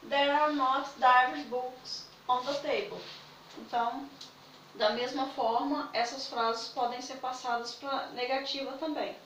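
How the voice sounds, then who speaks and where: A woman's voice: sits high, steady tone, a little slow, a bit bright, reverberant, far from the mic, slight background noise, low-quality recording. A woman, patiently explaining English grammar in a video lesson and checking in with her students often. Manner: patient, repeats points with "né?" and "tá?". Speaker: English teacher.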